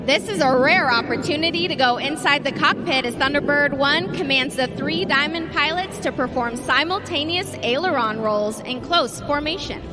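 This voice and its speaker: A woman giving scripted airshow commentary in a measured, dramatic announcer style. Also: high-pitched. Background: loud music.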